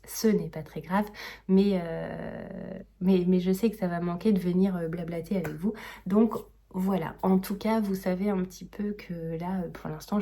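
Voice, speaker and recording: A woman's voice: lowish voice, mellow. A French woman chatting casually in her knitting vlog, hesitant and full of fillers and restarts. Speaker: knitting vlogger.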